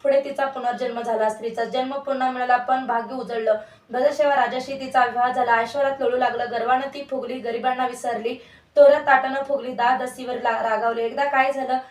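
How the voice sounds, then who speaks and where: High, level-voiced woman telling a tale. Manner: steady, recited. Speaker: storyteller. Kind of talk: devotional story reading. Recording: echoey room, voice far from mic.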